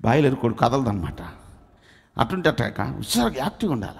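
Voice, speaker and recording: A man preaching a revival sermon in a coastal Andhra Telugu accent, moving from quiet coaxing questions to the crowd up to loud shouted prayer. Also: mid-range voice, very animated, fast, gravelly, slightly rough, in a large hall. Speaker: pastor.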